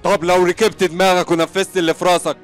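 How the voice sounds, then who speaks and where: A man plays a young son in a radio drama, defying his father in an Egyptian accent. He talks fast and high, with faint music playing under him. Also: little pitch movement, natural voice. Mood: defiant. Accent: Egyptian Arabic. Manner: defiant, shouting back.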